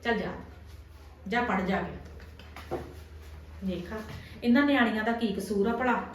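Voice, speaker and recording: A woman's voice: medium pitch, a little slow, slight background noise, close to an everyday voice. A woman playing a young wife who argues back at her mother-in-law in an amateur family drama skit. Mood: worried. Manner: pleading, then argumentative. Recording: very echoey room, from far off.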